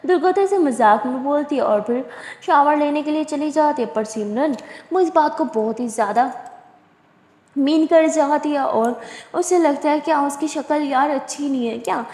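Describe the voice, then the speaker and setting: A woman narrates a love story in an easy, chatty storytelling manner. Her voice is high and mellow. She sounds like she is in a roomy space with a long, lingering reverb. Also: normal speed. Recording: echoey room with long reverb.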